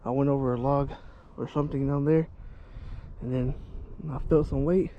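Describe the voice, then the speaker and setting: A man vlogging a fishing trip outdoors, talking excitedly to his viewers on an action camera. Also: medium pitch, moderate pace, lo-fi sound. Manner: excited, talks to viewers as "you guys". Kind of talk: casual outdoor vlog narration. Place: outdoors by a lake on a windy day. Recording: outdoor camera mic with wind noise.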